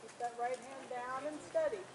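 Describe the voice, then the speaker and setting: A woman with a high voice teaches riding in short, brisk commands projected across the arena. She drops in quick encouragement between instructions. Faint background noise with horse sounds sits behind her. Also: fairly even intonation. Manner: encouraging, interjecting short praise.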